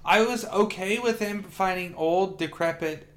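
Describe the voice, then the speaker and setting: A man with a high voice, speaking a little slowly, co-hosts a casual film review podcast. He's animated, swears now and then, and acts out quotes.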